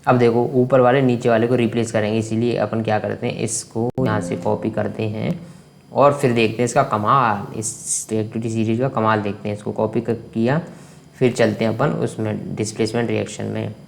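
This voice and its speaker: A man's voice: on the low side, flat delivery, normal speed, creaky. A man teaching a science lesson online in a chatty, theatrical way. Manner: chatty and theatrical, sings and hums while working.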